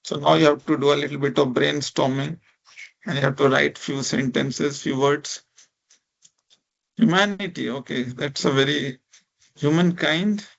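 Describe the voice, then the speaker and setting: An Indian man with a slightly high, somewhat bright, creaky voice speaks English as a second language; his first language is a minority language of India. He's a lecturer and speech technology researcher giving an informal, encouraging interactive online lecture at a measured pace with long pauses, often checking in with "right?" and "you know." The audio is dull.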